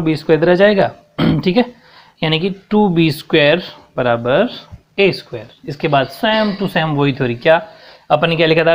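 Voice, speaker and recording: A young man teaching a school math lesson at the board, explaining each step and often checking whether the students follow. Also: fairly high pitch. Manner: explains step by step, mixing in English terms, keeps checking understanding. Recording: dull lo-fi recording.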